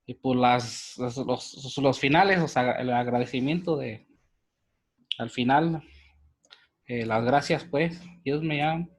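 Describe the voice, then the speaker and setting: A man answering as a student in an online language class, hesitant and halting, listing words with fillers. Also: mid-range voice. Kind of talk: class participation.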